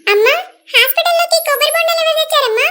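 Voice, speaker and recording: A woman voicing a brisk, bossy hospital nurse in an animated comedy, giving firm, scolding instructions. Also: very high-pitched. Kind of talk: animated village comedy voice acting.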